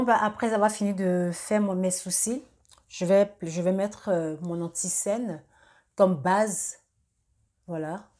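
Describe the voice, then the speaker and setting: A young woman talking through a makeup tutorial in a casual, halting way, with many fillers and restarts. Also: on the low side, dark tone. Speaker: beauty vlogger.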